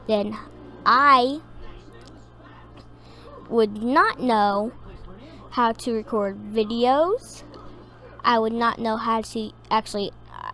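A woman's voice: a little high, fairly bright tone. A woman giving casual, rambling gameplay commentary, hesitating with many ums. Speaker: gaming video creator.

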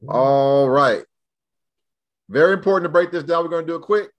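A man's voice: fairly high pitch, moderate pace. A man teaching a live online Hebrew class, speaking casually and drilling students with questions.

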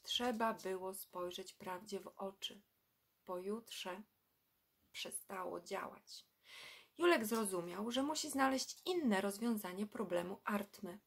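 A woman reading a children's book aloud in a measured storytelling manner, dropping her voice for dramatic moments. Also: medium pitch.

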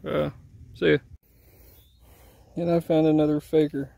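A man from Indiana with a slightly high, creaky, mellow voice narrates an arrowhead hunt in a crop field at an unhurried pace and in a flat delivery. He's easygoing and pokes fun at himself while filming his finds. The dry recording comes from a handheld camera mic.

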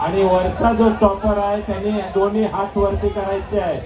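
A man's voice: high voice, flat delivery, moderate pace, recorded from a distance, lo-fi sound, noisy background. A man acting as event announcer at an outdoor street festival, talking over a PA system and urging and directing the crowd. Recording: echoey loudspeaker heard from afar amid a loud crowd.

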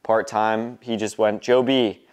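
Casual vlog host: American man in his twenties, clear resonant voice, informal walkthrough delivery. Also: on the low side, steady tone, measured pace. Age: 20s. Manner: informal, mildly profane. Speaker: host giving a warehouse tour. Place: large concrete warehouse and upstairs office, indoors.

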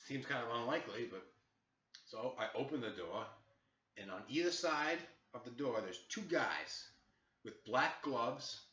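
A man's voice: medium pitch, lively intonation, measured pace, pushed and bright. Swearing, exasperated man ranting. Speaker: vlogger. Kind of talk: angry storytelling rant. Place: small apartment. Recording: echoey, distant, dull-sounding room mic.

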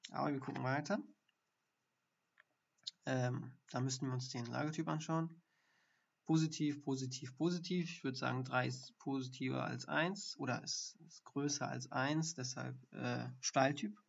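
With a medium-pitched, creaky voice, a male doctor goes through ECG findings step by step in a live online lesson, thinking aloud and using fillers. He speaks at normal speed in a steady tone. The stream's sound is dull and lo-fi.

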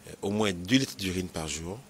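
A man speaks as a physician in a broadcast health interview, in a somewhat low voice. He explains patiently and didactically, repeats his key advice and keeps asking whether he is understood. A faint hum of background noise sits under his voice. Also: moderate pace. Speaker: nephrologist.

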